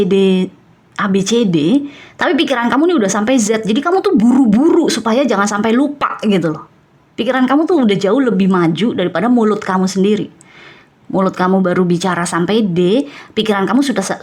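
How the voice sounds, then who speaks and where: A woman gives a casual tarot reading to camera in a slightly husky voice. She talks fast and animatedly, often laughing and putting on little voices to act out what people might say. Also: mid-range voice. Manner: animated, with sound effects and acted-out quotes; quick, chatty, laughs often. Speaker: tarot reader.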